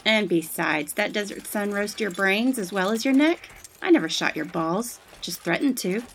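A woman's voice: mid-range voice, animated, normal speed, a little hiss or hum, natural voice. A woman playing a feisty, sardonic gunslinger in a comic Western audio drama. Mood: indignant.

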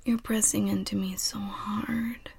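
A woman in a whispered role-play, playing a doting, teasing partner who soothes and coos to another adult in an intimate, breathy, husky voice. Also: mid-range voice, flat delivery, unhurried, a little mellow.

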